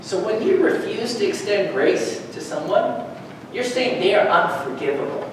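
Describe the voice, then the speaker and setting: Male pastor, high-pitched, emphatic sermon delivery; very echoey hall, recorded from afar. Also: normal speed, noisy background. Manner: animated, rising to emphatic peaks, rhetorical questions. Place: church hall. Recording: echoey church hall, far from mic.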